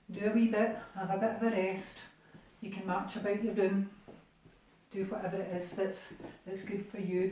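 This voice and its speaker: A woman's voice: medium pitch, warm tone, slight background noise. A Scottish woman leading an exercise class from a living room, encouraging and chatty as she talks through each move. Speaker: exercise instructor. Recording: echoey room, distant mic.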